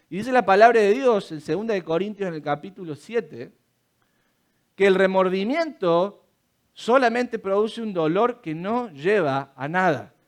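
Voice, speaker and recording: A man with a high voice preaching a church sermon. He pushes his points hard, asks his listeners rhetorical questions and acts out little quotes along the way. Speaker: pastor.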